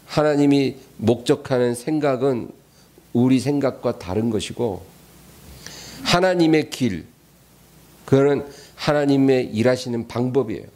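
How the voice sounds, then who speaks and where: A male pastor delivers a sermon in a church, driving each point home with emphatic repetition. His voice sits at an ordinary middle pitch for a man. He keeps turning to the congregation to press his message. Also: measured pace, a little mellow. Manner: emphatic, repeats key phrases, often addresses the congregation. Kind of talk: weekday sermon.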